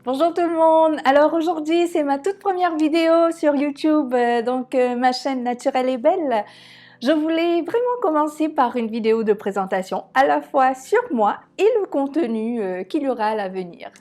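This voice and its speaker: A woman's voice: high voice, expressive, normal speed, darkish tone. Chatty French-speaking woman in her thirties. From Mauritius. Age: 30s. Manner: chatty, frequent hesitations, self-mocking laughs. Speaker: hair care vlogger. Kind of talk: casual vlog presentation.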